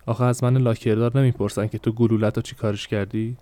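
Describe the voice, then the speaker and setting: A man's voice: fairly low pitch, little pitch movement, dark tone, no echo, lightly acted. A man doing a sarcastic cynical policeman. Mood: mocking. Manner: sarcastic, raised voice. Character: mocking male policeman, cynical, bureaucratic.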